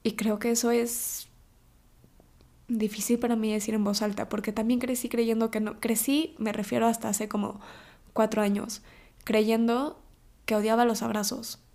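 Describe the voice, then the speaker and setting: A young woman in her twenties with a Mexican Spanish accent hosts a podcast, delivering an intimate, emotional personal monologue. Her voice sits a little high with a level tone, a moderate pace and warmth. She sounds confessional and is teary at times.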